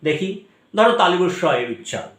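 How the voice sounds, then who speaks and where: A man giving a recorded lecture, explaining step by step and saying sounds aloud to demonstrate them, with frequent pauses to think. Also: high voice, big pitch swings, a bit bright. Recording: echoey room.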